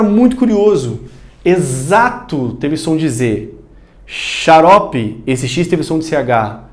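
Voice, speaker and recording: A man with a Brazilian Portuguese accent teaching a recorded prep-course lesson, chatty and lively, voicing his students' questions himself. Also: fairly high pitch. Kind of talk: recorded video lecture. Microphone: studio recording facing a screen.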